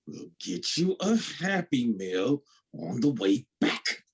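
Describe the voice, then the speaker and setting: A woman's voice: rumbling low, big pitch swings, takes it slowly, exaggerated voice. A woman playing a puny, exasperated male spaceship pilot, whiny and sarcastic, in a comedy spoof. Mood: irritated. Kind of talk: sci-fi spoof comedy acting.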